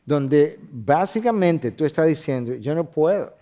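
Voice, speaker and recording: A man, a pastor teaching a Bible class, who swings from loud, lifted declarations to hushed lines and acts out the people in the passages he reads. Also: on the high side, expressive, unhurried. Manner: expository preaching with dramatic swings from loud to hushed; voices the Bible characters he quotes.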